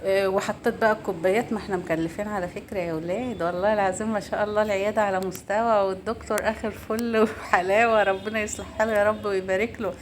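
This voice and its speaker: An Egyptian woman in her thirties chatting casually to her viewers in a warm, rambling, gossipy way. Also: medium pitch, fairly even intonation, rapid-fire, a little hiss or hum. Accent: Egyptian Arabic. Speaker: clinic assistant and vlogger.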